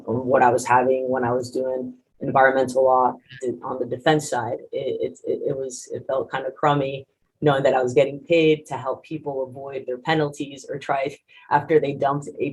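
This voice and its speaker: Husky-voiced man in his thirties. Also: mid-range voice, rough recording. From grew up in Mexico. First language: Spanish. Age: 30s. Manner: earnest, conversational with frequent restarts. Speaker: prosecutor. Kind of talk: panel talk, personal story.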